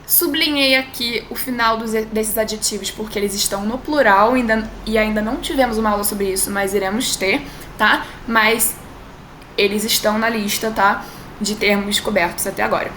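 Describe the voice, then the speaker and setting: Bright-voiced woman teaching in an echoey room. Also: medium pitch, fairly even intonation. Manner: chatty, drawn-out model phrases, frequent tag questions. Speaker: language teacher. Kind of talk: online language lesson. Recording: echoey room with faint noise.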